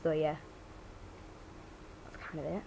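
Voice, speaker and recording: A woman's voice: sits low, little pitch movement, takes it slowly, vocal fry, warm tone, slight background noise, poor audio. A woman with a Yorkshire accent, speaking informally as she gives a read-aloud sample of her accent. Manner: informal, drops the word "the". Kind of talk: reading a book aloud as an accent sample, with casual asides.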